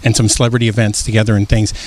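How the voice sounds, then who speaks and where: A man's voice: on the low side, level tone, very fast, a little mellow. A man hosting an interview in a chatty, friendly way. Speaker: interviewer and host.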